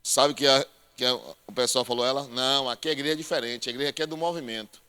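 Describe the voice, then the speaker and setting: A male pastor preaching a sermon, joking with the congregation and calling them brother, swinging between loud proclaiming and quiet asides. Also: medium pitch, fairly even intonation, quick pace, smooth. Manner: addresses listeners as brother.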